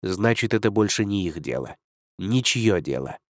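Dragon lord voiced by a guy narrating, low and icy, bossy, dry audiobook sound. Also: animated, normal speed, dry recording, close to an everyday voice. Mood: stern. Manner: cold, curt, commanding. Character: stern proud male dragon lord. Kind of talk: audiobook reading.

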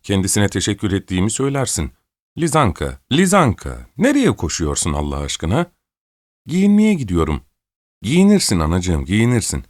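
A man's voice: deep voice, huge pitch swings, fairly quick, darkish tone, dry recording, clean studio sound. A man reading an audiobook, voicing an old, imperious countess who scolds and gives orders. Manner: scolding, commanding, querulous.

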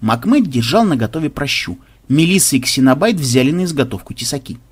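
A man reading an audiobook aloud with expressive, dramatic narration. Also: medium pitch, fairly quick, husky.

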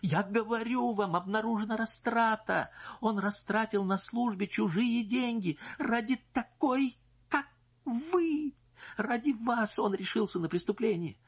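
A man voicing a distraught, indignant married noblewoman who pleads and accuses in a shrill, strained voice. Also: a little slow, breathy edge, dull audio, full character voice.

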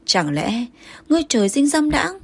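A woman voicing a possessive, jealous male emperor who turns between commanding and coaxing, with a breathy voice. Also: high voice, big pitch swings, normal speed, darkish tone, pitched above the performer's own voice. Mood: scolding.

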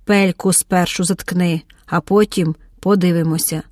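A woman's voice: mid-range voice, animated, unhurried, darkish tone, no room sound, natural voice. A woman reading an audiobook, voicing a blunt, dry-spoken old village grandmother. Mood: gruff.

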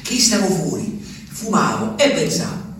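An actor plays an ageing, lonely peasant in a theatrical monologue, his voice a little high, very animated and unhurried. In agitated wonder he rambles and repeats himself, swinging from hushed tones to exclamations. The stage recording is echoey and distant, with faint noise.

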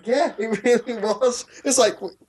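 A man's voice: extremely high pitch, a little slow, darkish tone, slight background noise. A man in a casual chat who often stammers as he starts a sentence and laughs a lot while he talks. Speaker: podcast co-host.

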